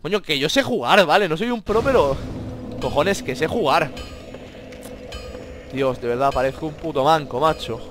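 A man with a Spain Spanish accent giving excitable let's-play commentary, swearing a lot and talking to the enemies on screen. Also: a little high, normal speed, long pauses, over music. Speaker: gamer playing a video game.

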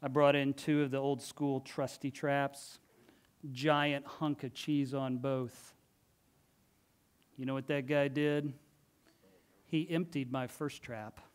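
Slow, earnest preaching man. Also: medium pitch, flat delivery, clear, resonant tone. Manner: storytelling, earnest and emphatic. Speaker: pastor. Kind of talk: sermon. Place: church sanctuary.

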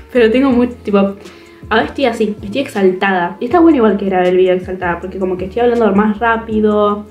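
Teen girl vlogger with a Rioplatense accent, hyper and rambling, echoey bedroom with faint music. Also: mid-range voice. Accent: Rioplatense Spanish. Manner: excitable, rambling, fast-changing expressive delivery. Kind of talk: casual chat to camera.

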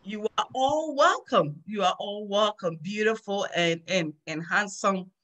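A woman's voice: medium pitch, a little slow, a bit bright. A middle-aged woman hosting a children's Sunday school lesson over a video call, upbeat and repeating phrases for the kids.

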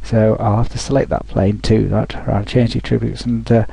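A man talking through a software tutorial over a screen recording, thinking aloud with frequent restarts. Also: on the low side, level tone, fairly quick, vocal fry, husky, dry recording, low-quality recording.

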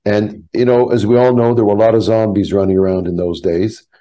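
A man's voice: fairly low pitch, fairly even intonation, warm tone. Older Canadian man telling his story. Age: 70s. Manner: measured, reflective storytelling. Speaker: guest, rabbi. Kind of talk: storytelling in a video-call interview. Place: home office. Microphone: video call webcam.

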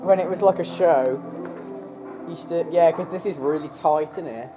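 A woman's voice: deep voice, moderate pace. A middle-aged woman chatting casually as she comments on a walk through a cave. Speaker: vlogger. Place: inside a show cave. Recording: dull lo-fi camcorder sound, loud music. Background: music playing in the cave.

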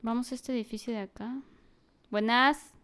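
A woman giving animated let's-play commentary, talking to a baby character and often yelling and laughing. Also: fairly high pitch, normal speed, clean tone. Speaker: gaming youtuber.

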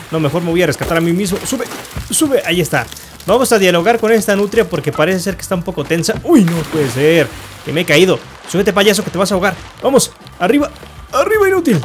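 Man, high-pitched voice, playful let's-play commentator who jokingly insults everyone and laughs a lot. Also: a little hiss or hum. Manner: teasing, mock-insulting, laughs and yelps often. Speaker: gaming youtuber.

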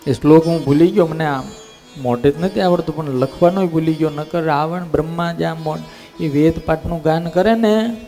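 A man giving a storytelling sermon as a swami in a temple, acting out voices with lively animation. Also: a little high, moderate pace. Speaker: swami giving a religious discourse. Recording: long temple hall reverb, faint music.

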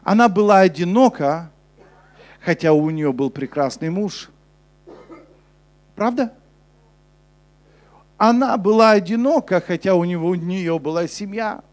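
A young man preaching a sermon on a church stage with a handheld mic, switching between emphatic urgency and a soft, low delivery. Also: lively intonation, measured pace, long pauses. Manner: preaching with rising intensity, then dropping soft and low for scripture. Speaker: pastor. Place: church stage before a congregation.

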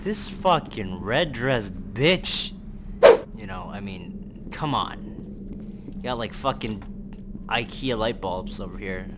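A young man playing a horror game, swearing, yelling and pleading at jump scares. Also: mid-range voice, expressive, slow, long pauses. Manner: jumpy, profane, yells and pleads at the game. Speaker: gaming YouTuber. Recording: noisy background.

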